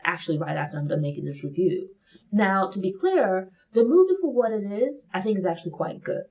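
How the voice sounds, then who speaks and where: A woman's voice: mid-range voice, lively intonation, fairly quick, darkish tone, low-quality recording. A woman from Brooklyn, New York, hosting a casual film review, talking in a thoughtful way that qualifies her points with frequent "like" and "you know".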